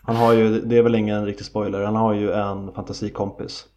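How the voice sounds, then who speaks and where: A man's voice: on the low side, flat delivery, darkish tone. A man co-hosting a podcast in casual film chat, conversational and asking questions. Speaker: podcast co-host. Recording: dull lo-fi sound.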